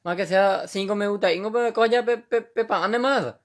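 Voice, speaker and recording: A man's voice: high-pitched, moderate pace, no echo. A man doing a comic monologue, rambling in mumbled, clipped slang. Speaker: comedian.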